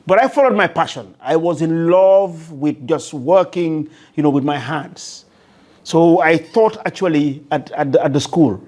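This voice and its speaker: A Gambian man in his sixties with a slightly high voice talks as an interview guest. He tells his story conversationally, circling back and repeating phrases as he begins them. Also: a little slow, a little mellow. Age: 60s. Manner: hesitant starts, repeats phrases. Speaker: interview guest, construction entrepreneur.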